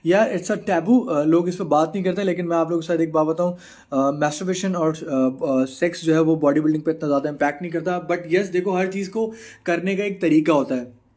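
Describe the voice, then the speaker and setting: A man's voice: on the high side, a little mellow. Chatty Pakistani man on a live stream. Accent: Pakistani Urdu. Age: 30s. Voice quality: mixes English into Urdu, frequent filler pauses. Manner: chatty, reads out viewer comments and answers frankly. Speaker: bodybuilder answering live chat.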